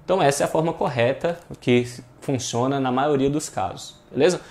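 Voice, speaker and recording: Male Brazilian teacher with a mid pitch, walking students through grammar questions in a didactic, question-and-answer way. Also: brisk, a little mellow. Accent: Brazilian Portuguese. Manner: didactic, checks in with frequent rhetorical questions. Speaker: online exam-prep teacher. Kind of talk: explaining grammar exercises.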